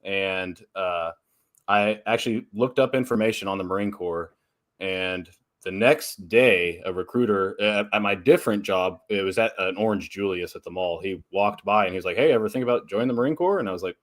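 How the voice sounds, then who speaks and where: In a casual interview, a low-voiced veteran from Texas and Oklahoma, a nonprofit founder and strength coach, talks as a guest. He's relaxed yet brisk, with many fillers and restarts, and he laughs easily.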